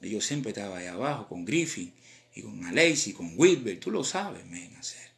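A man with a Cuban accent, a rapper chatting casually on a live stream in animated, slang-filled talk. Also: on the low side, normal speed, vocal fry. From Cuba.

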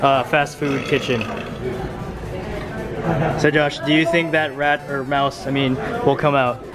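A man's voice: mid-range voice, level tone, unhurried. A young man chatting casually and jokingly with friends. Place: convention center hallways. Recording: music and crowd noise behind.

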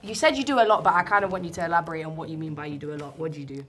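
A woman, chatting bluntly and teasingly as the dater on a speed dating show. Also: sits low. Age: 20s. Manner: blunt and teasing, quick to apologise. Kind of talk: casual chat.

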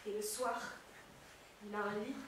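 A woman's voice: mid-range voice, steady tone, measured pace, close to an everyday voice. A woman playing a despairing young male soldier back from the war, bitter and accusing on a stage. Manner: bitter, accusing, bursts into shouts. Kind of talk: stage play performance. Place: theatre stage. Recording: echoey hall, mic far off, faint noise.

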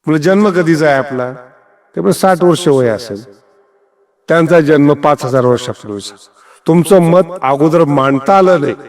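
A fairly high-voiced male preacher delivers a devotional discourse, slipping into storytelling and playing out little exchanges of dialogue. His delivery swings up and down and breaks into chuckles. His voice rings with a long reverb, as if he is speaking in a big hall. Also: normal speed. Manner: animated, acts out dialogue, swings pitch widely, chuckles. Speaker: kirtan preacher.

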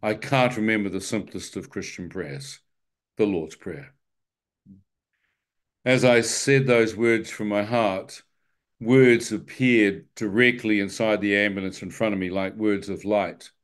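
Man preaching his testimony; a lively storyteller with wry asides who acts out his own prayers. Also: fairly low pitch, measured pace. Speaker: speaker telling his testimony to a church audience. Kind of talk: testimony sermon.

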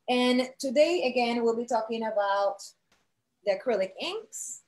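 Leading a live art demonstration, a middle-aged female teacher explains what she is doing in slow, halting phrases with a fairly high pitch. She pauses now and then to check in with her audience.

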